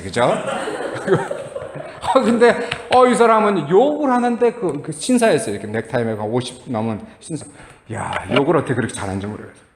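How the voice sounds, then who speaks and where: A middle-aged man preaching a sermon as a pastor, telling stories with animated acted-out quotes and chuckles. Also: on the high side. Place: church sanctuary. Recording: echoey church hall.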